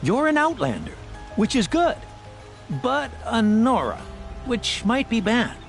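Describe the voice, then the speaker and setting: An actor playing a wary stranger who sizes up an outsider in a video game. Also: male voice, extremely high pitch, huge pitch swings, takes it slowly, gravelly, faint music behind, full character voice. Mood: wary, probing. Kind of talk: video game dialogue acting.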